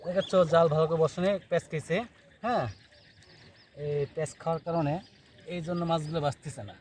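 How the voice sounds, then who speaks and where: A man's voice: a little high, steady tone, quick pace, darkish tone, a little hiss or hum. Man fishing outdoors. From Bangladesh. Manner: directs the camera person while handling a net. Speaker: fishing vlogger. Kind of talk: casual outdoor commentary. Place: outdoors by the water.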